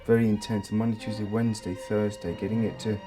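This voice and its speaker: A man's voice: on the low side, flat delivery, fast. A man who plays violin and leads an orchestra, speaking in an interview in a plain, matter-of-fact way. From Zimbabwe and England. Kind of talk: interview talk. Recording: music playing underneath.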